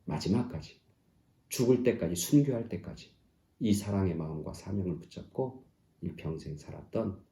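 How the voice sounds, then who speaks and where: Male pastor preaching, mellow voice, goes loud and high then drops almost to a whisper, echoey church room. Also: lively intonation, moderate pace. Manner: swings from loud, high exclamations down to soft, near-whispered lines. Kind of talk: sermon. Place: church sanctuary.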